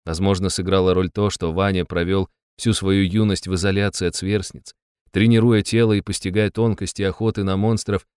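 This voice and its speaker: A man's voice: deep voice, flat delivery, a little fast, darkish tone, smooth, dry recording. Man narrating with dry wry irony. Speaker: audiobook narrator. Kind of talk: scripted narration.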